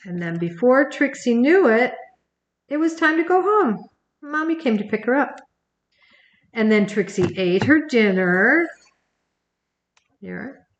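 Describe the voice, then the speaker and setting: An older woman, a grandmother, reading a picture book aloud on camera and gently talking to her grandchild between pages. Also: a little high, very animated, takes it slowly, long pauses, reverberant, highs cut off. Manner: gentle, talks to the child by name between pages. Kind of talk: recorded bedtime story reading.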